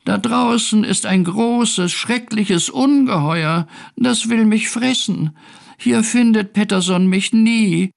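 A frightened little kitten squeaks and stammers through a storybook game. The voice sits very high, swoops around, and has a gravelly edge underneath. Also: male voice, sing-song, measured pace, hardly any pauses, exaggerated voice. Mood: scared.

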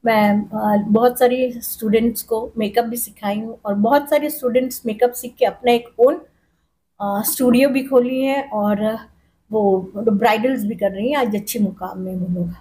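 A middle-aged woman salon owner answering interview questions in a salon, pausing often with fillers. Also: a little high, steady tone, mellow. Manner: hesitant, with many pauses and fillers. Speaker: salon owner and makeup artist. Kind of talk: on-camera interview. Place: indoor salon with tiled walls. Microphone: handheld reporter mic.

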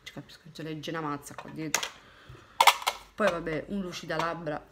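A woman from Italy talks through her makeup products in a loose, chatty way, often trailing off into quiet asides to herself. Her voice sits a little low. She is close to a phone in a small room at home, with clear steady noise and clicks behind her. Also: normal speed. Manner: chatty, thinking aloud while tidying products, drifting to low asides. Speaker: beauty vlogger. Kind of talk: casual makeup chat to camera. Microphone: phone camera close up.

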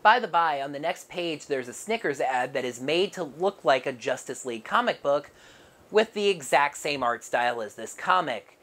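A woman's voice: low voice, expressive, moderate pace, fairly bright tone. A woman narrating a casual comic book review with wry, sarcastic asides.

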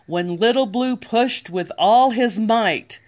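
A sweet older woman, a grandmother reading a children's picture book aloud with deliberate, playful emphasis. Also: a little high, a little mellow. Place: living room, indoors.

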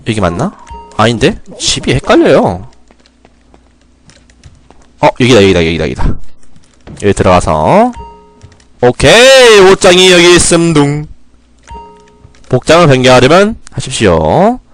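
A man's voice: fairly high pitch, fairly bright tone. A young man casually commenting while he plays a game, joking with viewers and ranting at the characters in mock anger. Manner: joking, talks to himself and viewers, mock scolding rants. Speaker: game streamer.

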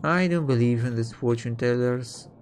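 A man's voice: medium pitch, normal speed, background noise. A man giving casual let's-play commentary, thinking aloud and reading text off the screen. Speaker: video game player and commentator.

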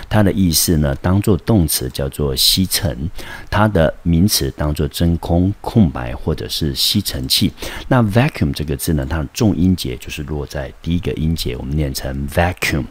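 A male teacher with a Taiwanese Mandarin accent walks students through English vocabulary and grammar. His voice sits extremely low and deep. He explains patiently, pausing to pose rhetorical questions before he answers them. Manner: slow, careful explanations with frequent rhetorical questions. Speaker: high school English teacher. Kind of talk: recorded vocabulary lesson.

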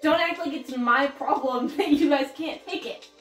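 A woman's voice: high voice, moderate pace, close to an everyday voice. A young woman playing a spoiled, whiny rich girl who leans on her father's money, in a comedy skit. Her voice is heard from a distance in an echoey room, with music behind. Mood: defensive. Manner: whiny and self-absorbed. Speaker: college roommate in a comedy skit.

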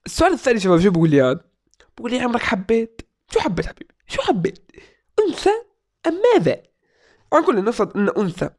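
A young man in his twenties runs a casual question-and-answer vlog from a small room. He talks fast and playfully, with a voice that swings widely up and down. He reads out the questions and jokes his way through the answers. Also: fairly high pitch, creaky. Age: 20s. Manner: joking, playful, reads out comments. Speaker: YouTuber answering viewer questions. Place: small indoor room at a desk.

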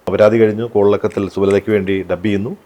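A man interviewing a guest, briskly listing facts to prompt her. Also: on the low side, flat delivery, warm tone.

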